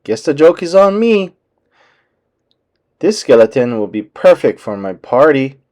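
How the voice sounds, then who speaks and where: A man voicing a cheerful, excitable cartoon mouse in an eager, exclamatory way for a storybook. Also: mid-range voice, a little slow.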